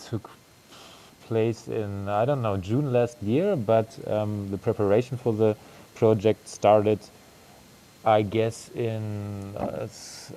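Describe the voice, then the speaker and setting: A man's voice: lowish voice, warm tone. A young man in his twenties, an actor, answering casually on a video call, rambling with many fillers. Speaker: performer. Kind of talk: casual conversation.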